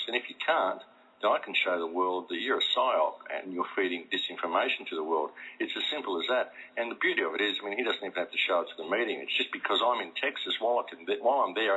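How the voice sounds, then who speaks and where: A middle-aged man with a South Australian accent talks emphatically and insistently in an animated conversational monologue as a talk show guest. His voice is fairly low-pitched, pushed and bright with a breathy edge, heard through muffled, lo-fi internet radio audio.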